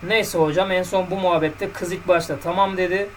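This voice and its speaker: A man's voice: high voice, fairly even intonation, fairly quick, a bit bright, far from the mic, a little hiss or hum, low-quality recording. A man coaching on dating in a casual podcast monologue, blunt and colloquial, lecturing his listeners directly.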